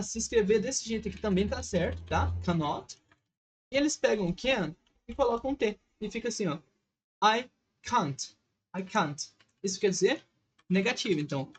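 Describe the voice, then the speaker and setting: A man's voice: high voice, slight background noise. A man with a Brazilian Portuguese accent, an English teacher explaining a lesson over a screen recording, patient and constantly checking in with short questions.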